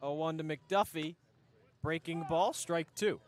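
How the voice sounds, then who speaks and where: A man calling baseball play-by-play, brisk and chatty, bantering with his booth partner. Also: a little high. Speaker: play-by-play announcer.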